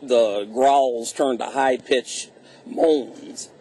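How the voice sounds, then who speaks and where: A man giving a halting answer as an interviewee. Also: mid-range voice, steady tone, mellow, poor audio. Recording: clear background noise and ambience.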